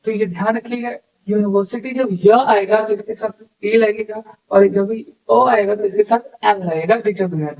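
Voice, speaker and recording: Guy teaching english sounds, kinda high voice, repeats every word, a bit far from the mic. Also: a little mellow. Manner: explains sounds slowly, repeats words, keeps checking with "ठीक है". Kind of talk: classroom-style lesson.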